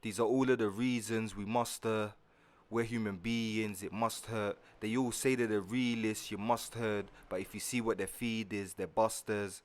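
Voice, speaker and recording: A man's voice: on the low side, steady tone, normal speed. A man rapping the show's intro in rhythmic verse. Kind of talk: rap intro.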